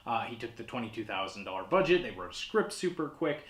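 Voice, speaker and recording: Talking fast in a sing-song, fairly bright voice of medium pitch, a man presents a holiday movie show as a casual horror host. His delivery is hesitant, rambling, and awkwardly funny, and the sound is roomy and echoey.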